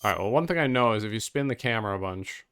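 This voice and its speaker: A man's voice: on the low side, animated, rapid-fire, fairly bright tone, clear, resonant tone, dry recording, clean studio sound. A man giving casual, rambling, easygoing commentary as he plays a video game. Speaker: let's player.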